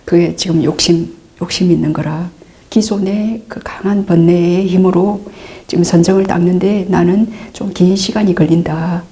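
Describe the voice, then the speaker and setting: A middle-aged woman, a Buddhist nun, patiently answering meditation questions, calm and repetitive, sometimes dropping into soft asides. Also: fairly low pitch, moderate pace. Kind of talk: dharma Q&A teaching.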